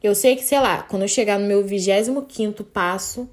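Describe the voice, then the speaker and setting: A woman's voice: medium pitch, a little fast. Candid young woman podcaster. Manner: emotional, candid, tearful at times. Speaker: podcast host. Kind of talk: personal confessional podcast.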